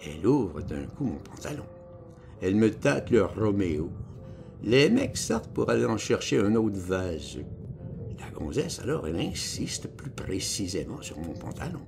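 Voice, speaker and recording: A man narrating a literary audiobook in an expressive, slangy first-person voice. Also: fairly low pitch, creaky. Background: music.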